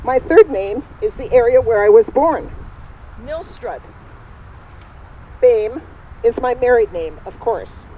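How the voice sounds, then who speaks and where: A woman's voice: fairly high pitch, expressive, slow, pauses often, warm tone, a little hiss or hum, poor audio. A woman in costume playing a spirited, independent Norwegian immigrant woman, telling her story in first person straight to a live audience outdoors. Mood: chatty. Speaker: costumed re-enactor. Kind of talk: first-person historical re-enactment. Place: outdoors at a cemetery.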